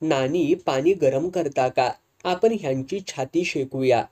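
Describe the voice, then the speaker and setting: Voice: medium pitch, unhurried, darkish tone, lightly acted. A storyteller voicing a young daughter, anxious and soothing toward her family. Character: worried caring young daughter, soothing and urgent.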